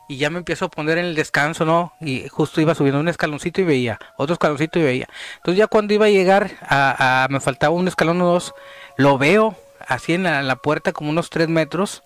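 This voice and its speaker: A man with a Mexican accent telling a story in casual chat, animated and dropping to hushed tones at tense moments. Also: fairly high pitch. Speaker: podcast guest telling a story.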